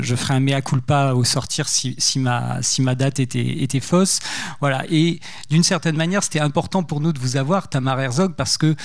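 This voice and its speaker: A man's voice: mid-range voice, dry recording, studio quality. A man hosting a public talk in French, speaking semi-formally in long, broken-up phrases with many hesitations. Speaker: event host, interviewer. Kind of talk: semi-formal spoken introduction.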